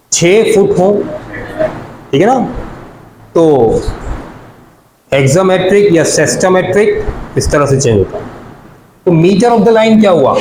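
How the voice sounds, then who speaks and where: A male teacher with a Karachi Urdu accent lectures a class, taking each step slowly. His voice sits slightly high, and he stops to question the students and count things out with them. The room rings with echo, and a faint hum of noise sits behind him. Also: darkish tone. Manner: explains step by step, counts syllables aloud, asks the class questions.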